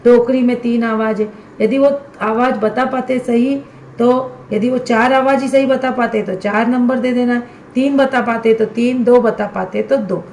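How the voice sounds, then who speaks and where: A woman's voice: fairly high pitch, steady tone, unhurried, darkish tone, echoey room, slight background noise. A woman primary school teacher explaining step by step how to fill in a student assessment workbook for fellow teachers. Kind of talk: instructional walkthrough for teachers.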